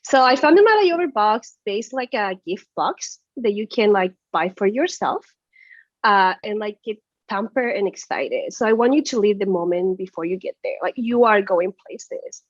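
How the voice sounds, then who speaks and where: A woman's voice: mid-range voice, expressive, moderate pace, no room sound. A woman from Chile speaks earnestly as an interview guest, filling her answers with "uh" and "like". Her audio is dry and a bit dull, like a remote call, and her voice sits mid-range. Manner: earnest, many "uh" and "like" fillers. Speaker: guest entrepreneur.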